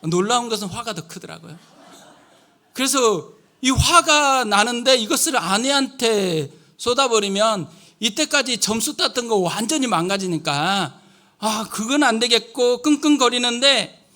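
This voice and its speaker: A man with a high, bright, ringing voice preaching in a church. He tells a personal story vividly and keeps turning to the congregation with questions. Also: lively intonation, a little slow. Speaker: guest pastor. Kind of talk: sermon. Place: church sanctuary.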